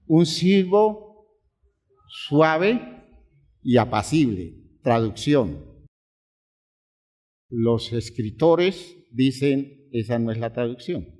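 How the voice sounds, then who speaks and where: A man preaching a sermon as pastor, swinging between hushed, quiet lines and high, pleading outbursts. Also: expressive, very slow, long pauses.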